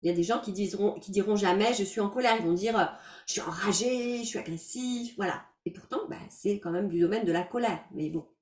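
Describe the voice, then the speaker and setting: A woman working as a life coach, teaching an online workshop in an explanatory, gentle way with many filler words, heard over a video call. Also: medium pitch, a little fast, recorded from a distance. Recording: roomy sound from away from the mic.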